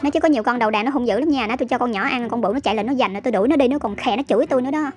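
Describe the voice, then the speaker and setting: Rapid, teasing woman. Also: fairly high pitch. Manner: chatty, teasing, rapid storytelling. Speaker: vlog narrator. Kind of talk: voice-over narration. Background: background music.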